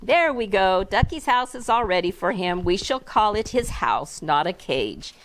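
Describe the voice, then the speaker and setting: A woman reading the lines of a kindly old grandfather, in a lower, steady tone. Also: measured pace.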